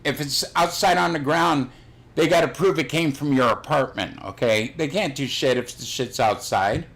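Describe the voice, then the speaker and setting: A man's voice: on the high side, moderate pace, fairly bright tone. An older man chatting casually on his own livestream, blunt and rambling, swearing freely. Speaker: livestream host. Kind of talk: casual chat.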